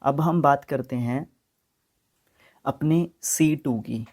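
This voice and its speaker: Mellow Haryanvi man teaching vocabulary. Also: medium pitch. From Haryana, India. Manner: reads words slowly and spells them out, mixing Hindi and English. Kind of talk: recorded exam-prep lesson.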